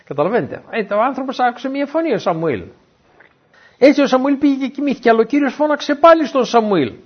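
A man with a very high, husky, slightly raised voice teaches from the Bible as a lively storyteller, his pitch swinging widely up and down. He constantly puts questions to his listeners, and the recording sounds dull and muffled.

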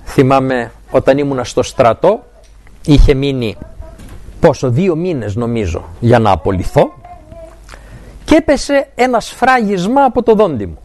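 Man, middle-aged, personal testimony talk, mellow dark tone, animated storytelling. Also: mid-range voice. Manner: animated storytelling, acting out dialogue. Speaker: university professor giving a faith testimony.

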